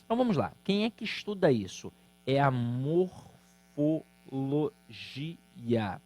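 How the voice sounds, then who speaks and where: A man with a Brazilian Portuguese accent teaching an exam-prep grammar lesson, lively and emphatic, speaking straight to his students. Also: mid-range voice, slow. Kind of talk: recorded online exam-prep lecture.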